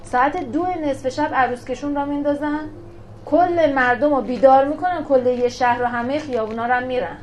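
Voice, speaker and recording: A woman with a fairly high voice gives a religious lesson to a small class. She talks emphatically, putting questions to her listeners and then answering them herself. A faint noise runs under the recording. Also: darkish tone, rough recording. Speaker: religious teacher.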